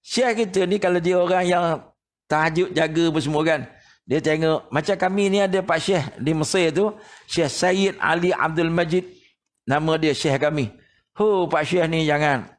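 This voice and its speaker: A middle-aged religious teacher with a Malaysian Malay accent, speaking in a noticeably high voice. He teaches in an animated storytelling way, acting out the voices of people in his anecdotes. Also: normal speed. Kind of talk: morning religious lecture.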